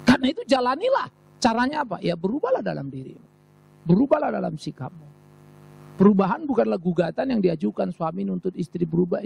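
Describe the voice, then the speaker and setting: A man's voice: high voice, vocal fry, darkish tone, husky. A man preaching a sermon as a pastor, emphatic and rhetorical, repeating phrases for effect. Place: church service.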